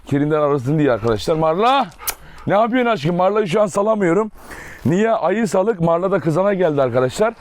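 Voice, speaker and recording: A young man with a high, very animated voice casually walks viewers around his dog farm outdoors in a vlog. He talks fast and often breaks into affectionate baby talk with his dogs.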